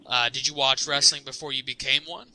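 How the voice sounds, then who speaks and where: A man's voice: mid-range voice, steady tone, a little fast, sharp tone, rough recording. A man co-hosting a podcast who interviews a guest, upbeat and friendly in his questions. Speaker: podcast co-host.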